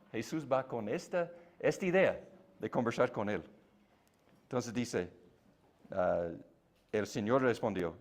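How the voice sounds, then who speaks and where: Man, native English speaker, Bible class teacher, middle pitch, explanatory, tag questions.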